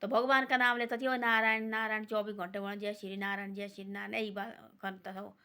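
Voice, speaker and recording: A woman's voice: medium pitch, flat delivery, a little fast, bright, forceful tone. A woman casually telling a devotional folk story, rambling and repeating herself between quoted lines.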